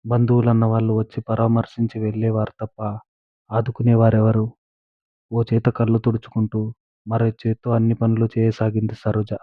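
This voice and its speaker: A man narrating a moral story in a steady, even storytelling manner, recorded on a tinny, dry line. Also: on the low side, normal speed, no echo.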